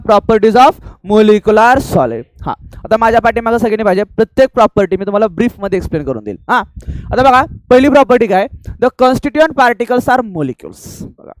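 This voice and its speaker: A male teacher with a Marathi accent runs a lively classroom drill, firing questions and pushing students to answer louder. His voice sits high and moves quickly, and the sound is dry and close. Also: no echo. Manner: call-and-response drilling, urging students to answer loudly; mixes English terms into fast classroom talk. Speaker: chemistry teacher. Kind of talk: classroom lecture.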